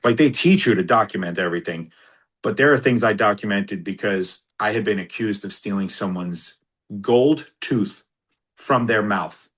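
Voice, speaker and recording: A former police officer recounting courtroom stories in a casual interview, acting out the quoted dialogue. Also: male voice, on the low side, normal speed, a bit bright, slightly rough.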